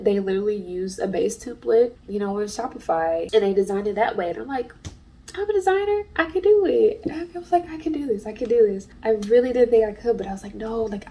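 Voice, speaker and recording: In a casual vlog to camera, a woman who is an artist and small business owner talks chattily and earnestly, with plenty of fillers. Her mid-range voice is fairly quick and dark-toned, congested from allergies, and the mic is distant.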